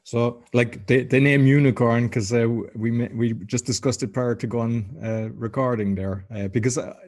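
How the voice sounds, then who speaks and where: A man hosting a podcast, asking casual, halting questions. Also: mid-range voice, steady tone, a little mellow. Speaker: podcast host. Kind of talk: podcast interview.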